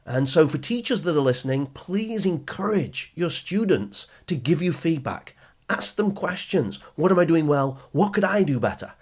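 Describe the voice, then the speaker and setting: Fairly high-pitched, slightly rough, and animated, this British host keeps a moderate pace. He runs a motivational advice podcast as a study skills coach, speaking emphatically to listeners, explaining through rhetorical questions and repeating himself.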